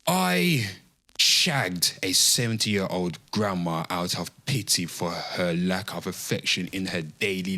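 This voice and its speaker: Gleefully scandalized man with a slow, forceful delivery. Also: deep voice. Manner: gleefully scandalized, reading gossip; theatrical, mock-preacher exclamations and drawn-out emphasis. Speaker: host of a confessions show. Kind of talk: comedic reading of listener confessions with commentary.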